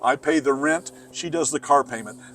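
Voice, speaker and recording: A man's voice: mid-range voice, normal speed, a bit bright, recorded from a distance. A man co-hosting a casual chat, earnest and explaining things at length. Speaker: co-host.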